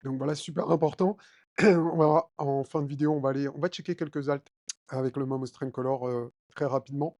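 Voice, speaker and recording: A man's voice: medium pitch, steady tone, a little fast, darkish tone, no echo, clean studio sound. A man casually talking viewers through a trading chart, with many fillers and frequent check-ins with his audience. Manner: addresses viewers directly with frequent d'accord and hein. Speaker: crypto trading YouTuber. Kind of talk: chart analysis walkthrough.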